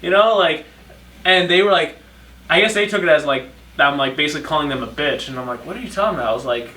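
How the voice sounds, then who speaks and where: A man's voice: a little high, quick pace, pushed and bright. A young man hosting a podcast, telling rambling stories in a sarcastic, profane, casual way. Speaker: podcast host. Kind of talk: casual storytime monologue. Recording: echoey room, distant mic.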